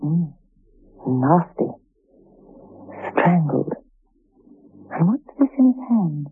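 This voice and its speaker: An actress playing a cool, sharp-witted female agent, making clipped remarks in a 1960s radio drama. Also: fairly low pitch, very animated, extremely slow, slightly rough, dry recording, heavily acted. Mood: coolly curious. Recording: tinny old radio broadcast.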